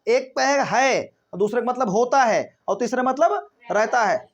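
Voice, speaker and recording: A man teaching a spoken English grammar lesson, explaining step by step with rhetorical questions and reading example sentences slowly before translating them. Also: very high voice, expressive, muffled recording. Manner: explains step by step, keeps asking rhetorical questions and saying "theek hai".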